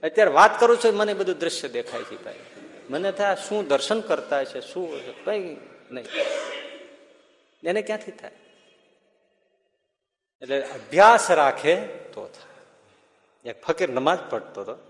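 A man giving a devotional discourse in an animated storytelling manner. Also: fairly high pitch, measured pace, gravelly, pauses often, long reverb tail. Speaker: religious storyteller.

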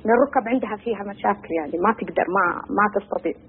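A woman's voice: mid-range voice, rapid-fire, slight background noise. A woman from Arabia, calling in and explaining her question hesitantly. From Saudi Arabia. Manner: hesitant, explains at length with fillers. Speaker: caller. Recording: tinny phone line.

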